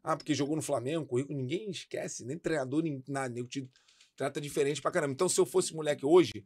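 A fast-paced male interview guest, in his forties. He talks in a frank, slangy way, swearing freely. The sound is dry and close, with no room echo. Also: on the high side, darkish tone. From Brazil. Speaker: interview guest, former footballer. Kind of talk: casual interview chat.

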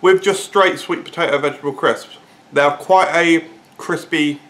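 A man's voice: on the high side, steady tone, moderate pace, a bit bright. A British man in his thirties giving a casual, informal food review to camera, thinking aloud in a living room. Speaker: food reviewer, video host. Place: small living room, sofa, indoors.

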